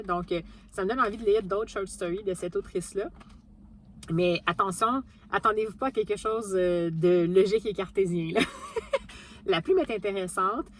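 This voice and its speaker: A woman's voice: mid-range voice, a bit bright, a little hiss or hum. A woman with a Québécois French accent chatting casually about her reading, with many fillers and restarts. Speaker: book vlogger. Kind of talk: casual book vlog chat.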